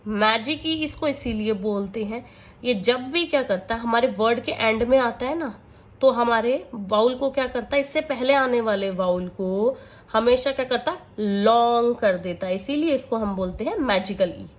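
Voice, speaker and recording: A woman's voice: fairly high pitch, normal speed. A woman, in her thirties, teaching a phonics lesson in mixed with English, sounding words out letter by letter and answering her own questions.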